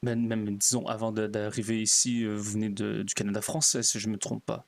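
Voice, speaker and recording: A man's voice: lowish voice, level tone, fairly quick, gravelly, crowd noise. A man roleplaying a naive pastor in a game, talking in a hesitant, stammering, overly polite way. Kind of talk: in-character roleplay chat.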